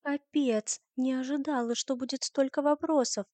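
A whiny, sharp-tongued young woman with a sore back complains in a raised, higher voice, as a woman narrator puts her on. The sound is close and dry, with no room around it. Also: normal speed, dry recording, lightly acted. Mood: grumbling.

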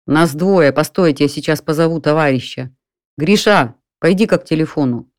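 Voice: mid-range voice, moderate pace, dry recording, studio quality, close to an everyday voice. Reader doing an impatient burglar on the phone. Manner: impatient, then hesitant. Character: startled burglar answering the phone.

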